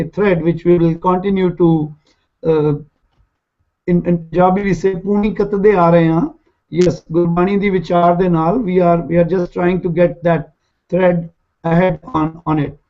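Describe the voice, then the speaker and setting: A man politely hosting and moderating a religious discussion on an online call. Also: high voice. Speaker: discussion host. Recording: dull lo-fi online call audio.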